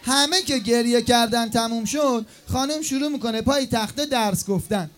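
A man hosting a live religious event for children, joking and teasing with quick comic asides. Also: very high-pitched, fairly bright tone, soft background music. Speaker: host of the event.

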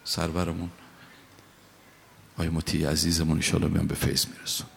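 A man preaching a sermon, telling stories with emphatic rises in loudness. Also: rumbling low, completely flat delivery, creaky. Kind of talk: sermon with storytelling. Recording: long hall reverb.

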